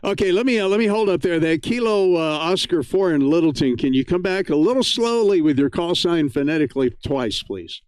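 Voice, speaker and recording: An American man hosts a live radio net in a casual, folksy manner. His voice is somewhat high for a man, smooth and clear, recorded dry with no room echo. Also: expressive, a little fast, hardly any pauses, a little mellow. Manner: chatty, folksy. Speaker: amateur radio net host.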